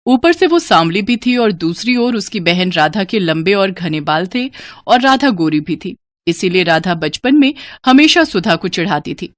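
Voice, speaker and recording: A woman narrating a cartoon storybook in an even, expressive way. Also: mid-range voice, normal speed, dry recording.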